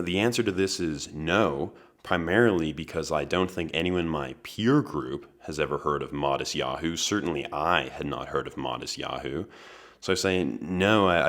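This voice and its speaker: A man in his twenties hosting a podcast, delivering a comedic monologue in a dry, deadpan manner with wry asides. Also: rumbling low. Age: 20s. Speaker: podcast host.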